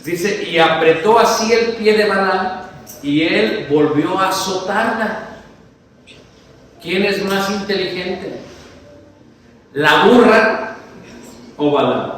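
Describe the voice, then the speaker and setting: A man's voice: sits high, slow pace, fairly bright tone. Man preaching in a very echoey church. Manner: jokes, asks the audience questions, acts out the story. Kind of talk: lively sermon with questions to the congregation. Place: church hall. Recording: very echoey church hall, mic far off, faint noise.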